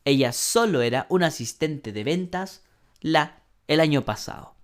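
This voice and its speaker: A man teaching an online English lesson, slowly modeling sentences and translating them, often clearing his throat. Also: fairly high pitch, expressive. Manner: slow, patient explaining, modeling English sentences then translating.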